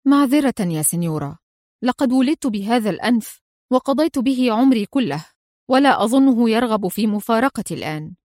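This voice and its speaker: A woman's voice: a little high, lively intonation, fairly quick, darkish tone, dry recording, studio quality, lightly acted. A woman voicing a cold, mocking male police inspector in a read-aloud spy story. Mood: stern mocking.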